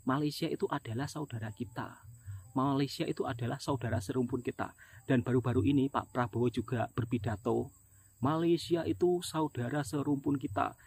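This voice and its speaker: A man's voice: mid-range voice, creaky, breathy edge, no echo. A middle-aged man from Indonesia, a migrant laborer and vlogger, talking earnestly to his viewers and often calling them his friends. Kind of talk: casual monologue to viewers.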